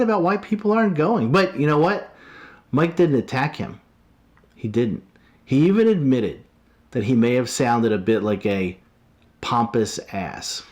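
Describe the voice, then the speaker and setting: Male host, emphatic and opinionated, with a lively, slightly high voice. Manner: emphatic, opinionated, repeats points. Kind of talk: opinion commentary.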